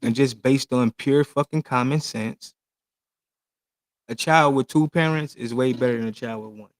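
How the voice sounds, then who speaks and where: A man's voice: mid-range voice, moderate pace. A man in his late thirties in casual podcast chat, talking in loose, slangy, emphatic stories. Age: 30s. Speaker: podcast host.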